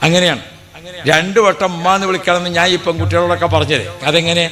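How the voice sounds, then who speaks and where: A man's voice: on the high side, fairly even intonation, fast talker, sharp tone, big-room sound. A man preaching a sermon, storytelling with rhetorical questions and acted quotes. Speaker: Islamic preacher.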